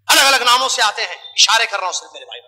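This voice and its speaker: A man's voice: very high voice, lively intonation, bright, forceful tone. A male preacher, delivering an emphatic sermon full of rhetorical questions.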